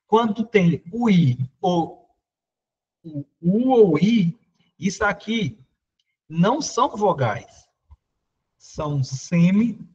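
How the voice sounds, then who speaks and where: High-voiced husky Brazilian teacher. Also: male voice, expressive, slow, pauses often, darkish tone, lo-fi sound. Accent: Brazilian Portuguese. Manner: talks to students directly, pointing at the board, asks "né?" often. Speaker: exam prep teacher. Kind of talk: live online class solving exam questions.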